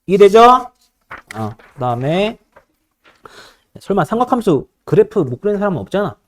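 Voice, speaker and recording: A male high school math teacher lecturing a class, bossy and teasing, always checking whether students follow. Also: sing-song, fairly quick, darkish tone, slight background noise.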